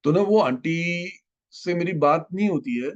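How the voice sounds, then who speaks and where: A man's voice: on the high side, moderate pace, a little mellow, lo-fi sound. A man sharing an emotional devotional testimony with a gathering, telling his story with feeling and slipping into English phrases.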